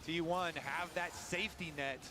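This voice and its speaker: A man's voice: a little high, steady tone, moderate pace, sharp tone. A man commentating an esports final, building hype and asking dramatic questions. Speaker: esports caster. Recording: broadcast feed with crowd noise. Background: arena crowd.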